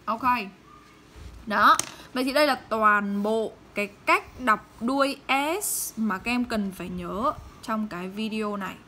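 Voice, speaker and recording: A woman teaching English pronunciation in Vietnamese, modeling English words slowly and checking often with her students. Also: mid-range voice, sharp tone, a little hiss or hum. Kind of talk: pronunciation lesson.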